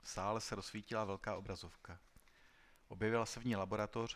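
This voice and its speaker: A man narrating a literary science-fiction story in a measured, serious way. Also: fairly low pitch. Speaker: audiobook narrator.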